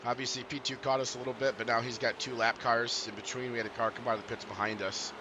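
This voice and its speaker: Reassuring male crew chief over loud vehicle noise. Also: mid-range voice, flat delivery, fast talker. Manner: encouraging, reassuring. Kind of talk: casual race updates to a driver.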